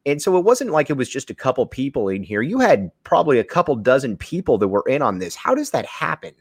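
A man's voice: medium pitch, very animated, fast talker, husky, dry recording, studio quality. A man hosting a sports podcast in a casual, conversational style.

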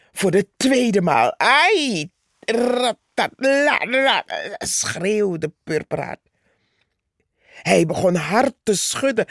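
Guest reader, woman: unhurried storybook narration, mid pitch. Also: darkish tone, dry recording, studio quality. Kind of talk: storybook read-aloud narration.

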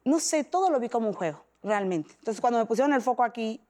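Woman, Mexican accent, middle-aged, fairly high voice, animated storytelling, podcast guest. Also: quick pace. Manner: animated, acts out quoted voices. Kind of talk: emotional personal storytelling.

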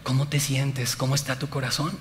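A man voicing God as a calm, gentle male voice speaking softly in a sermon story. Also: fairly quick, slight background noise, close to an everyday voice. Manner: soft, low, coaxing.

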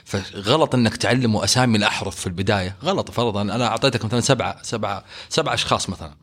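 A man's voice: fairly low pitch, very fast, a bit bright, husky. A man with a Saudi Hejazi accent in a casual, opinionated discussion, emphatically repeating points and checking that he is understood. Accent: Saudi Hejazi Arabic.

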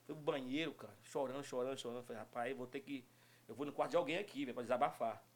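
A middle-aged man telling stories in casual chat, animated and laughing often. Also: medium pitch, racing. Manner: animated storytelling with frequent laughter. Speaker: guest storyteller.

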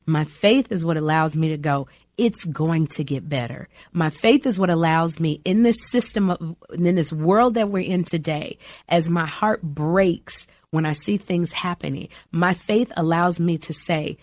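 A woman's voice: lowish voice, a little slow, a little mellow, no room sound, clean studio sound. A middle-aged woman speaking candidly and emotionally about faith, bringing her stories to life with quoted voices. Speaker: guest.

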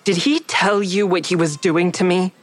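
In this first-person audio drama, an actress both narrates and plays the lead, a guarded and callous woman telling her thriller with restraint and a probing edge. Her voice sits on the low side with fairly even intonation at normal speed, lightly acted, with no echo. The mood is tense and guarded.

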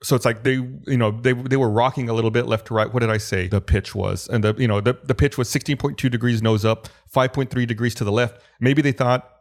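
A man co-hosting a podcast, retelling an aviation accident in a steady, methodical, explanatory way. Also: medium pitch, brisk, hardly any pauses. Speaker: podcast co-host presenting the case. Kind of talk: casual podcast chat, narrating an aviation accident.

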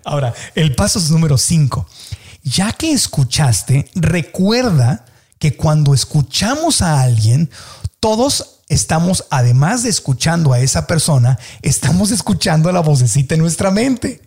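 A man with a Mexican accent, hosting a motivational podcast and coaching listeners earnestly, stretching key words slowly. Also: on the high side, sing-song, darkish tone, husky. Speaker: podcast host.

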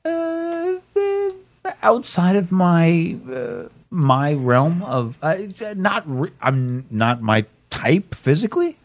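A man telling a long, rambling, profane story in a casual chat, often mimicking other people in high squeaky voices. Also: sing-song, slow, few pauses.

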